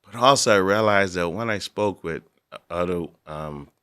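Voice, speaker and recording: A man's voice: deep voice, normal speed, sharp tone, smooth, no room sound, studio quality. A man from the Bahamas telling his story as an interview guest, earnest and reflective.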